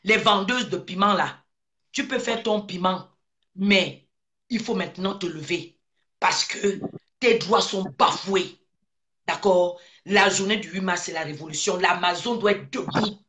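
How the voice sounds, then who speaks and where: Une femme originaire du Gabon qui prononce un discours politique passionné, martèle ses phrases et enchaîne les questions rhétoriques. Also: female voice, on the low side, unhurried, a bit bright. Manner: emphatic, repeats phrases, rhetorical questions. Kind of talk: impassioned political speech.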